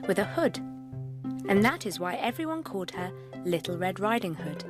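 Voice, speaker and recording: A woman narrating a fairy tale in a gentle, expressive storytelling manner. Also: mid-range voice, moderate pace. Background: background music.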